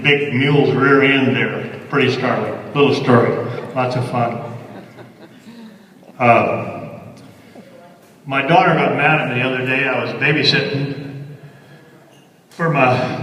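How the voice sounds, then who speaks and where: A man's voice: medium pitch, a bit bright. A very echoey, distant recording of an older man in a big reverberant hall. He has a rural Western American accent and a folksy cowboy drawl. He tells stories and recites cowboy verse in a wry, colloquial, rambling way. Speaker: cowboy poet. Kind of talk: folksy live storytelling and cowboy poetry recital. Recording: echoey hall, voice far from mic.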